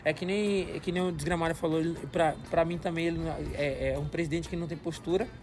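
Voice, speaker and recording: A man's voice: fairly high pitch, steady tone, fast, darkish tone, soft background music. A man chatting casually in slang as a podcast co-host, repeating phrases for emphasis.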